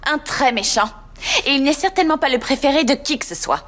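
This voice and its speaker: A woman's voice: high voice, expressive, brisk, noisy background. A young woman playing a proud, jealous teenage big sister telling stories in a dubbed TV sitcom. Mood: sly, emphatic.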